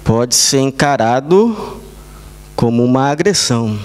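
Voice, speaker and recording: A man with a Brazilian accent preaching a sermon as pastor, telling small stories in short, measured phrases. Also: mid-range voice, expressive, darkish tone, clean tone. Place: church service.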